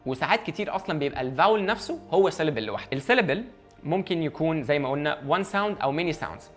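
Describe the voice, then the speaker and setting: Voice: mid-range voice, expressive, racing, faint music behind. An English teacher with an Egyptian Arabic accent giving an online lesson, explaining step by step and mixing in English terms.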